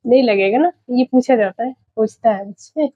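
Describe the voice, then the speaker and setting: A woman with a highish voice at a normal pace runs a spelling lesson for exam prep, repeating each example word several times as she writes and checking on her students, whom she calls "बच्चे". The lo-fi recording sounds dull and has no echo.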